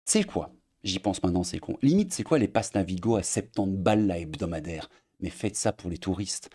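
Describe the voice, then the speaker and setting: A man's voice: low voice, brisk, mellow, husky. A young Belgian man with a Belgian French accent, ranting casually to his audience in a mocking, crude way, full of fillers. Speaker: streamer. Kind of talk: casual rant to camera. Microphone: desk mic at editing setup.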